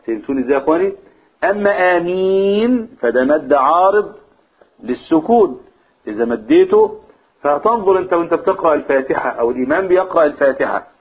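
Leading a group in a religious lesson, an Egyptian Arabic–accented man with a fairly high pitch asks questions and supplies the answers himself. He elongates vowels to demonstrate recitation, captured in a husky, phone-like lo-fi recording.

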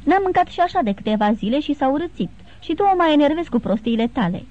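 A woman's voice: high voice, sing-song, darkish tone, slightly rough, voice pushed up, heavily acted. A woman voicing a fussy old princess who scolds half in jest, in an audiobook. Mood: scolding. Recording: tinny phone-like sound.

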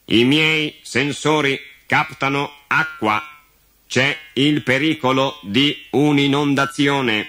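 A man voicing a male robot computer in a storybook reading, speaking in a flat, machine-like way and calling out warnings. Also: medium pitch, slow, slight background noise, voice pushed up. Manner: alarmed warnings. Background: music.

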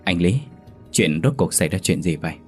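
A man doing gruff, furious village father Bình. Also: low-pitched, expressive, fairly quick, faint music behind. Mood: angry scolding. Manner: scolding, hissing through teeth. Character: gruff angry middle-aged village father.

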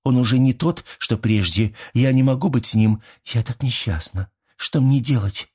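A man's voice: medium pitch, normal speed, darkish tone, slightly rough, voice pushed up. A man voicing an unhappy, tearful young granddaughter who speaks plaintively.

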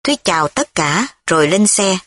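A woman narrating a story in a steady storytelling manner. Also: fairly low pitch, normal speed, dry recording, clean studio sound.

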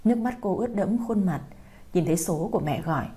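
A woman reading a romance story aloud as an audiobook narrator, in a calm, even storytelling manner. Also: fairly low pitch, a little fast.

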